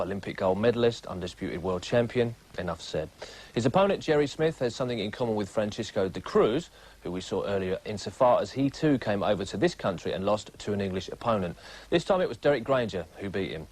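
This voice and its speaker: A man's voice: lowish voice, darkish tone. A man presenting a sports programme, linking into boxing coverage as a studio-style host.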